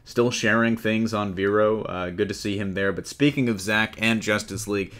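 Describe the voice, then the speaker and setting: In a relaxed entertainment news chat, this podcast host asks his co-hosts questions in a conversational way. His voice is fairly low with a sharp edge.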